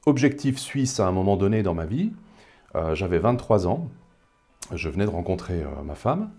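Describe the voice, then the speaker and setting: Man, 30s, from the Paris suburbs, interview guest, low warm voice, hesitant. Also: very animated, normal speed, husky, soft background music. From Paris suburbs, France. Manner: thoughtful, hesitant with frequent fillers. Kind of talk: casual interview.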